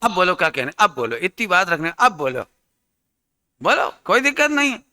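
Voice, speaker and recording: A man giving an interactive sermon as a Jain religious teacher, animated, quizzing his listeners and acting out little scenes. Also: high voice, normal speed.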